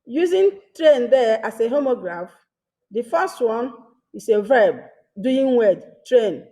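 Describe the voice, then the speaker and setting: A woman teaching a grammar lesson, reading each example sentence twice and pausing between short phrases. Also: on the high side, expressive, mellow. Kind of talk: slow deliberate grammar lesson.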